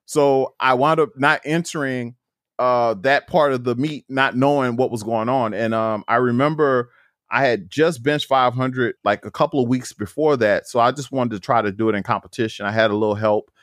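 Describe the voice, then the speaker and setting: Man in his 40s, podcast guest, lively raconteur who acts out his stories, mid-pitched voice, dry sound. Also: normal speed, dry recording. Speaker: guest powerlifter. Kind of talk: casual podcast storytelling.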